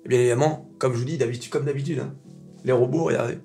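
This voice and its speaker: Gravelly-voiced man joking through market commentary. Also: mid-range voice, fast talker, faint music behind. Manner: animated, joking, with mock-dramatic exclamations; talks familiarly to his audience. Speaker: stock market video host. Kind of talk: casual market commentary to viewers.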